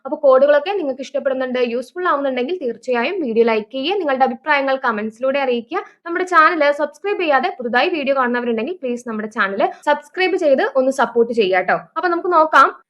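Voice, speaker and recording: A woman's voice: high-pitched, expressive, quick pace, lo-fi sound. A Malayali woman teaching exam facts through memory tricks, asking and answering her own questions in a chatty way.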